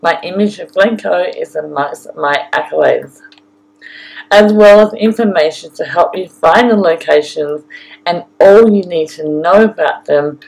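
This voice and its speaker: A woman with an Australian accent reading a scripted audio-guide narration in a deliberate way, addressing the listener directly. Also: lowish voice, vocal fry, poor audio. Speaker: photographer and travel guide narrator.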